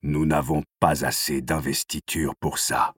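A grave male voice speaking from inside the hero's head, as a male narrator puts it on, deep and utterly monotone. It comes slow and level, with a husky edge. The reading is dry and close, with no room sound. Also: dry recording, full character voice. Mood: flat. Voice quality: deep and flat.

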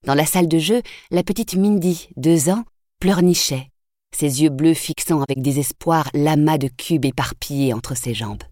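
A woman narrating a novel as an audiobook in a measured, even storytelling voice. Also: deep voice, no room sound, clean studio sound.

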